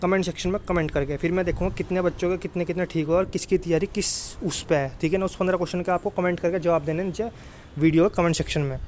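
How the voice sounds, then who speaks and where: Fast-talking and high-voiced, this male exam prep teacher has a steady, darkish tone and very level intonation. He coaches informally, checking in with listeners again and again like a familiar big brother, over a slightly noisy recording with clear background noise.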